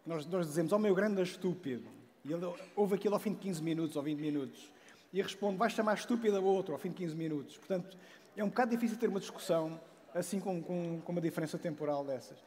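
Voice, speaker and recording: High-pitched and quick, the European Portuguese speaker, a man in his forties, keeps his public science talk lively with asides and frequent "não é?" tag questions. The auditorium adds long reverb to his headset mic, along with slight background noise.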